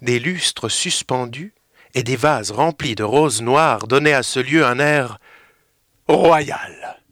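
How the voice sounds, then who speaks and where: A man reading a children's story aloud, expressive and slowing down for suspense. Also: medium pitch, no echo, studio quality.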